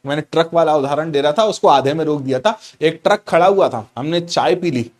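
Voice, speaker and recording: A man's voice: a little high, brisk. A middle-aged man teaching a physics class online, playful and repeating each key point to his students.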